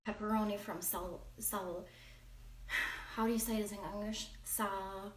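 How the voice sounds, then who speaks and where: A woman's voice: mid-range voice, steady tone, measured pace. A woman with a German accent, chatting casually through a cooking demonstration and now and then hunting for the English word. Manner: chatty, searching for English words. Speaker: cooking vlogger. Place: home kitchen. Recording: echoey kitchen, mic at a distance, clattering dishes.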